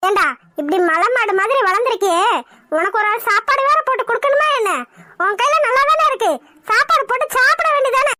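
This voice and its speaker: Cartoon role: woman voicing a bossy young village woman, very high and bright, scolds fast. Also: animated, no echo, studio quality, heavily acted. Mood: scolding. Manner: scolding, quick retorts. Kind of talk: cartoon voice acting.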